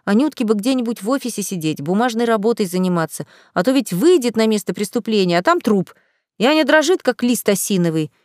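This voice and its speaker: A woman's voice: medium pitch, animated, quick pace, darkish tone, no echo, studio quality, natural voice. A woman reading a jovial young male detective with an easygoing, chummy manner, in a storybook reading.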